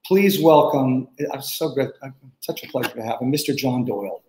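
A man's voice: mid-range voice, normal speed, heavy background noise. An older man hosting a video interview show, upbeat and effusive, often repeating his words as he asks questions. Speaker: show host. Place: small studio set indoors. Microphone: studio microphone close up. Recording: roomy echo.

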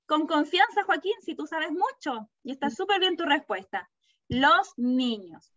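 A woman teaching a kindergarten class over a video call, asking slow, patient questions and praising the children. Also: high-pitched, fairly bright tone, no room sound. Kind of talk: online class with young children. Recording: dull, muffled video-call audio.

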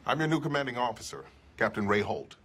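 An actor playing a stiff, formal male police captain who speaks in a clipped, deadpan way. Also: mid-range voice, quick pace, slightly rough. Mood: stern. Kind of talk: TV sitcom acting.

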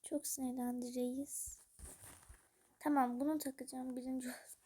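A woman's voice: high voice, level tone, normal speed, mellow, breathy edge. A woman casually commenting while playing a mobile game, chatty and gushing over new items, sometimes talking to her character. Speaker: gaming YouTuber.

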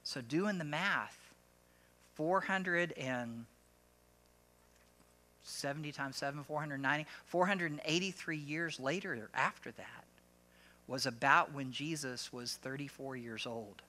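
A man's voice: a little high, measured pace, bright, forceful tone. A man with a Southern US accent, a lead pastor preaching a sermon with emphatic repetition, calling on the congregation to answer back. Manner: emphatic, repeats key phrases, asks the congregation to respond.

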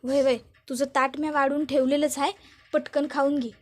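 A woman voicing a gentle elder sister who pleads for her hungry sibling in rural dialect. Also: sits high, level tone, a little fast, close to an everyday voice. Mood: pleading.

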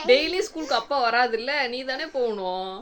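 A woman's voice: fairly high pitch, animated, moderate pace, crowd noise. Coaxing mother questioning her toddler. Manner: gentle coaxing questions to a small child. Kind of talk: casual family vlog, talking to her toddler. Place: at home.

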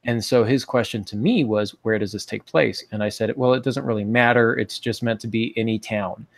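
With a lowish voice at a normal pace and no echo, a man in his forties hosts a podcast on writing. He's a writing teacher talking from a small home office, conversational and laid-back with gentle jokes.

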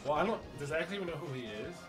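A man's voice: a little high, animated, fast talker, over music. A young man tossing in short dry quips during a casual gaming session. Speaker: co-commentator. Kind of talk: casual gameplay commentary.

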